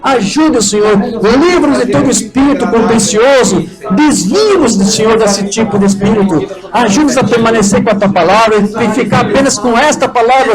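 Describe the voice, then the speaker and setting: A man's voice: high voice, poor audio. A Brazilian man with a Brazilian Portuguese accent preaching a sermon and leading a prayer, fervently calling for amens from the congregation. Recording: soft music under the voice.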